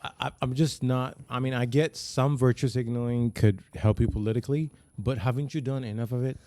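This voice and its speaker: A man co-hosting a podcast in casual chat, asking questions with halting restarts. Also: mid-range voice, fairly even intonation, mellow, dry recording. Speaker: podcast co-host.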